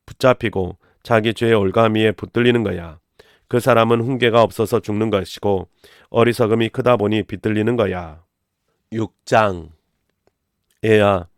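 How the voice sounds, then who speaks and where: Smooth low-voiced man reading scripture. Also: no room sound, clean studio sound. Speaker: scripture reader. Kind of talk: Bible reading aloud.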